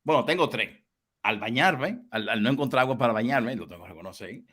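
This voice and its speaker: A man hosting a livestream interview, telling stories with animated energy. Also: brisk, breathy edge. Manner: animated storyteller with lively swings in pitch. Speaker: host.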